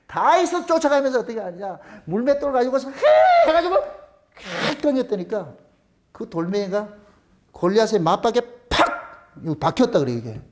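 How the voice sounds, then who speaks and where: Pastor preaching, chatty and dramatic, high lively voice. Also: male voice. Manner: colloquial, animated, acts out characters. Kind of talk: sermon storytelling.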